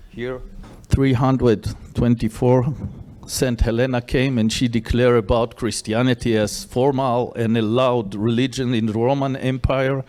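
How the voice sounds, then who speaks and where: A middle-aged man, a tour guide speaking to an event audience in a hotel, in halting English with repeated phrases. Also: mid-range voice, darkish tone. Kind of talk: guided history talk to an audience.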